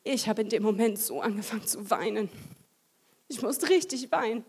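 A woman's voice: a little high, moderate pace, a little mellow, breathy edge. A woman giving a testimony sermon to a congregation. She tells a story vividly and acts out the voices in it. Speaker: lay preacher.

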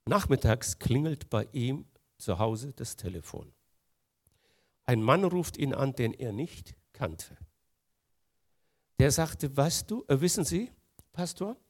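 A man preaching a sermon, earnest, moving between quiet, soft passages and emphatic, louder lines. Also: mid-range voice, animated, unhurried, long pauses.

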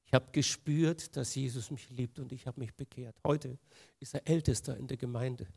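A man preaching a sermon, earnest, moving between quiet, soft passages and emphatic, louder lines. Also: mid-range voice, steady tone, normal speed, vocal fry, slightly rough.

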